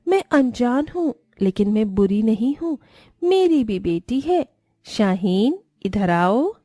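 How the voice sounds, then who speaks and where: A woman voicing a sly witch who poses as a poor lonely woman in a cartoon, speaking low and slow to lure a child. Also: sing-song, mellow, dry recording, clean studio sound, exaggerated voice. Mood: coaxing. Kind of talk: Hindi cartoon voice acting.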